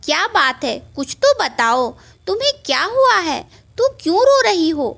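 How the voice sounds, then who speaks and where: A woman's voice: high voice, very animated, unhurried, fairly bright tone, heavily acted. A woman voicing a worried, kind father who keeps pressing with anxious questions in a spoken Hindi story.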